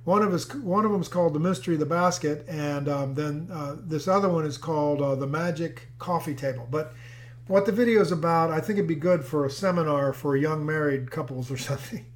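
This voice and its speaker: A man's voice: on the high side, brisk. A male pastor giving a sermon in a conversational, storytelling way.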